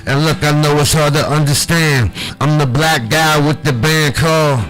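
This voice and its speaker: The recording is rough, with soft music underneath a Chicago man whose voice sits on the high side, fairly bright and steady in tone at a normal speed. He hosts a livestream show, riffing loosely with swagger, profanity, street slang, and his Chicago accent.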